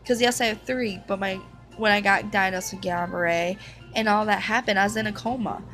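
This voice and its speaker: A woman's voice: mid-range voice, steady tone, fairly quick, fairly bright tone, soft background music, rough recording. A young woman in her twenties talking candidly and casually about her life, rambling with fillers and restarts. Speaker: vlogger sharing her illness. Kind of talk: casual personal talk to camera.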